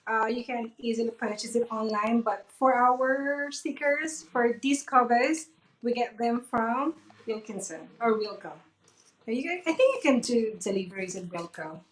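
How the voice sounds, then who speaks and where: Brief: woman co-host, high voice, friendly and chatty, speaks directly to viewers, echoey room. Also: normal speed, slight background noise. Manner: friendly, chimes in, addresses viewers as "guys". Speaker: co-host of a cake decorating class. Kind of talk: live demonstration, casual chat.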